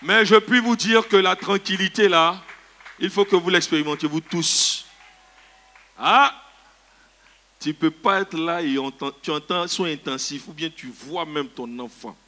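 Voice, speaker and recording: A man's voice: on the high side, a little slow, pushed and bright. A man leading a church service as pastor, fervent and exclaiming, calling the congregation to cheer.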